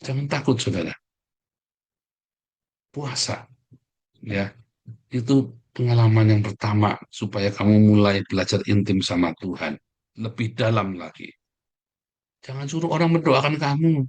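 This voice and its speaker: A man preaching an informal sermon, talking straight to his listeners and swinging between emphatic, raised phrases and hushed asides. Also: fairly low pitch, unhurried, long pauses, husky. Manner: informal, addresses listeners directly with frequent "ya" and "saudara". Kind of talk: conversational sermon.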